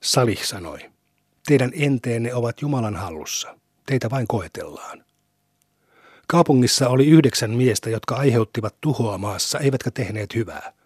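A man reads scripture aloud in a measured, solemn way, his voice slightly husky. The sound is dry and close, with no room echo, as from a studio. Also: medium pitch, expressive, a little mellow. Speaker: scripture reader.

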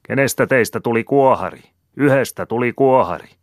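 A man voicing a stern old village gelder who shouts commands at a gathered crowd. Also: medium pitch, dry recording, clean studio sound, voice pushed up, lightly acted. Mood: commanding.

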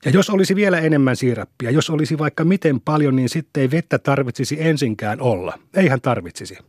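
A man's voice: medium pitch, lively intonation, darkish tone, dry recording, studio quality, lightly acted. A man voicing a boastful nine-year-old country boy in an audiobook, eager and bragging.

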